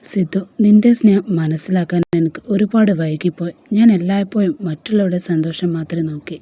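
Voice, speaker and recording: Lady reading a sad wife spilling her heart, low mellow voice, kinda husky. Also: fairly quick. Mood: sorrowful. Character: heartbroken married woman confiding her sorrow. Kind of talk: storybook dialogue reading.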